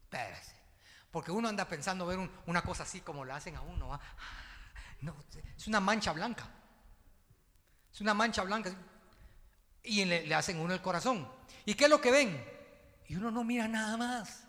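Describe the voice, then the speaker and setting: A man's voice: high-pitched, a little fast, long pauses, bright, forceful tone, big-room sound. A man, a pastor preaching a sermon who tells a story and then rouses his church into repeating after him. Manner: storytelling then rousing call-and-response preaching. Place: church hall.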